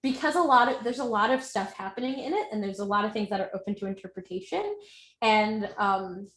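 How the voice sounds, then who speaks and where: A woman author answers questions over a video call at an online book launch. She talks casually and keeps backtracking with ums and quick corrections. Her voice sits at a middle pitch and carries a roomy echo. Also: fairly bright tone. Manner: hesitant, many ums and self-corrections, laughs nervously. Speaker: author being interviewed.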